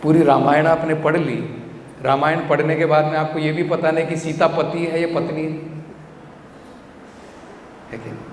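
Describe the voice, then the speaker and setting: A man's voice: fairly high pitch, level tone, normal speed, long pauses, a little hiss or hum. A man giving a devotional scripture lecture, explaining verses line by line and putting rhetorical questions to his listeners. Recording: echoey hall with faint ambience.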